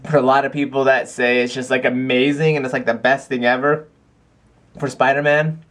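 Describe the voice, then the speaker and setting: A man's voice: mid-range voice, flat delivery, a little fast, a bit bright. A young man chatting casually to camera in a video blog at home, rambling with lots of fillers and restarts. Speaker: vlogger. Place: cold house.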